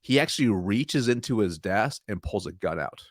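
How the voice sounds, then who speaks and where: Animated, low-voiced man telling a story. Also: normal speed, no room sound, clean studio sound. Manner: animated, acts out quotes, laughs often. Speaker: podcast guest, sales coach. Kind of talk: storytelling in a podcast interview.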